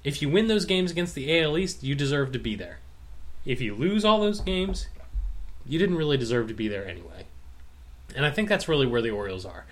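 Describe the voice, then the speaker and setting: A man's voice: medium pitch, lively intonation, fairly quick. A man co-hosting a casual sports talk show, arguing his side and playing devil's advocate. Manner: argumentative, plays devil's advocate. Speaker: co-host.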